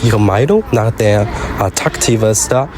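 A man asking street-interview questions, halting and searching for words. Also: on the low side. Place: outdoors on a town street. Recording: outdoor street noise, traffic. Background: street ambience and vehicles.

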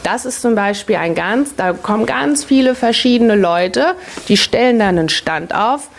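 Frau Mitte dreißig, erklärt Kindern geduldig und einfach, wiederholt ihre Fragen. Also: female voice, a little high, expressive, normal speed, vocal fry, a little hiss or hum. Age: 30s. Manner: patient, child-directed, repeats children's questions back. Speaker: family office employee interviewed by children. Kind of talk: explaining simply to children.

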